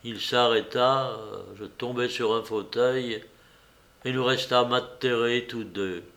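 Slow, measured male storyteller. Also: medium pitch, fairly even intonation, fairly bright tone. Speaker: audiobook reader. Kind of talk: novel read aloud.

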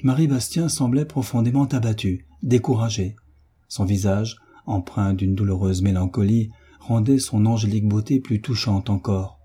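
A man narrating a classic novel as an audiobook, in a measured, even manner. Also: lowish voice, slightly rough.

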